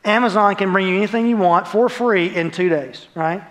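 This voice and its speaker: A man in his forties from the United States preaches as a pastor from the stage of a large, dark church auditorium. His voice is high and a bit bright, at normal speed, and his emphatic, conversational sermon often adds short questions to his points.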